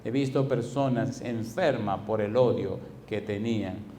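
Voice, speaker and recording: A man, a pastor with a Puerto Rican Spanish accent, preaching an evangelistic sermon with an altar call, swinging between loud pleading and hushed tones. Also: fairly low pitch, unhurried, slight background noise. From Puerto Rico.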